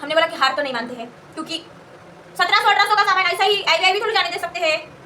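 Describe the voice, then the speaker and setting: A woman's voice: very high voice, quick pace, bright, forceful tone, recorded from a distance, a little hiss or hum. A young woman telling a casual story, rambling and correcting herself as she goes. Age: young adult. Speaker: college student telling a story.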